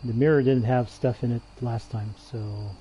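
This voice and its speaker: A man's voice: mid-range voice, fairly even intonation, moderate pace, warm tone, a little hiss or hum. A man streaming a game, giving casual, hesitant commentary with many fillers and restarts. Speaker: gaming livestreamer.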